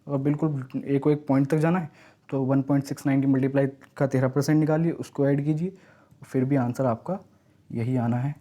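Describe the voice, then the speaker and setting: A man teaching exam math step by step, reading each question slowly and then explaining it. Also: medium pitch, dark tone. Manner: explains step by step, often asks and answers himself; reads English question text slowly, then explains it in Hindi. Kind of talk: exam-prep math lesson.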